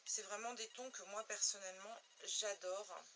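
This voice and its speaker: A woman from France reviewing makeup swatches in a home beauty video, talking slowly and letting repeated words fade quietly. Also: mid-range voice, fairly even intonation, noisy background. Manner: slow, drawn-out, trails off quietly on repeated words. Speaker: beauty blogger.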